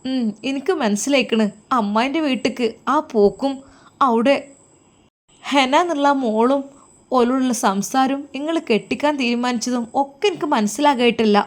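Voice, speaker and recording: A woman voicing a young wife with a Malappuram Malayalam accent, speaking in a high, shaky, sobbing voice. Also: moderate pace, lightly acted. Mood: accusing. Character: young wife, tearful and pleading.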